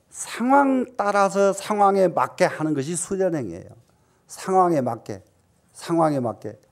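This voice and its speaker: A man giving a Buddhist dharma talk, often posing questions to the audience and answering them himself, with emphatic rises and soft dropped asides. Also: on the high side. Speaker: Buddhist teacher.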